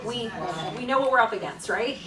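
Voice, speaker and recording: A woman with a Florida accent speaks in a fairly high voice, explaining things in a conversational, wryly critical way as a presenter. She is recorded a little away from the mic in a very echoey room, with faint noise behind her. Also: a little fast, recorded from a distance, over a noisy crowd. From Florida, United States. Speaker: presenter at a community meeting. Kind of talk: informal public presentation.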